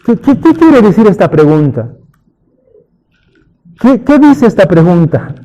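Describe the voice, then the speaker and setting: High-voiced man preaching a sermon. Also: sing-song, unhurried, mellow, muffled recording. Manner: rhetorical questions with repeated restarts; mock-pleading with God in a believer's voice.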